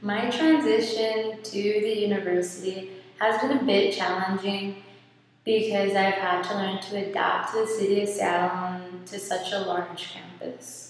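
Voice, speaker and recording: A woman's voice: mid-range voice, fairly even intonation, recorded from a distance. A young woman student from rural Washington gives a short, earnest testimonial to a laptop webcam in a small dorm room. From rural Washington State. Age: young adult. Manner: earnest, measured advice. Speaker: student in a college support program. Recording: echoey room, from the mic, faint hiss.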